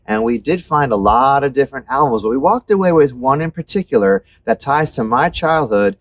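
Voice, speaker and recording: A man's voice: medium pitch, lively intonation, brisk. A middle-aged man hosting a casual music chat, rambling and enthusiastic with lots of fillers, on a street at night. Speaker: show host.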